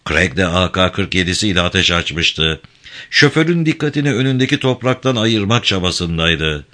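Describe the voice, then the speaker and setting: A man reading a novel aloud in a dramatic, measured audiobook narration. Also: low voice, pushed and bright.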